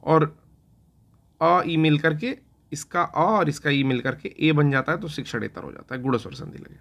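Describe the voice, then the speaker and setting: A man's voice: a little high, normal speed, vocal fry, fairly bright tone. Chatty man teaching spelling. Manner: conversational, repeats "theek hai na" often; talks to himself while writing on a board. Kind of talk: exam-prep lesson on Hindi spelling.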